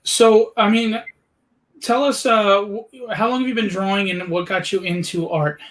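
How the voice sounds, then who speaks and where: High-pitched guy in his 40s hosting, chatty and jokey. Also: fairly even intonation, unhurried, fairly bright tone, poor audio. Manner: chatty and joking. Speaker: podcast host. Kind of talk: casual interview chat.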